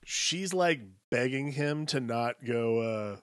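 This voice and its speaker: A man's voice: mid-range voice, slow pace, fairly bright tone, no room sound, clean studio sound. A man co-hosting a podcast, rambling casually about a movie with many "like"s and some swearing. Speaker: podcast co-host.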